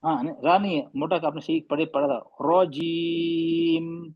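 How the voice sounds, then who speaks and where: A man teaching Quran recitation in an online class, patiently correcting students and slowly demonstrating sounds. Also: fairly high pitch, husky, muffled recording. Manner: patient, slow demonstrating drills.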